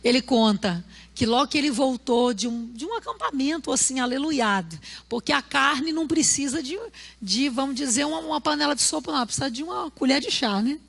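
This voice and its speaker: Woman, Brazilian Portuguese accent, pastor, sermon, church service, slightly high voice, storytelling, bursts of shouting. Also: a little fast, vocal fry, husky. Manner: storytelling, acting out quotes, swings to shouting.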